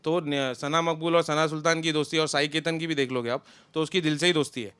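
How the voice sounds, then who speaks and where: A man's voice: on the high side, fairly quick, smooth, no room sound. A young man, chatting loosely as an interview guest about a friend. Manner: relaxed, talks in loose run-on sentences. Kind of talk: casual interview chat.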